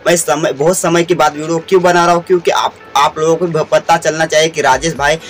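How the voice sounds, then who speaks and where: Young man from india, vlogger, fast repetitive chatter, fairly high voice, faint music behind. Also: little pitch movement. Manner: rapid, repetitive talk with many restarts. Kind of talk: casual vlog talk to camera.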